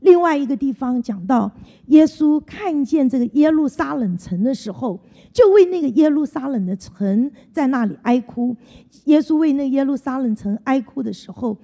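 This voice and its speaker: Earnest high-voiced woman preaching. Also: gravelly, warm tone. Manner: earnest, repeats key phrases. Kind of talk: sermon. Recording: long hall reverb.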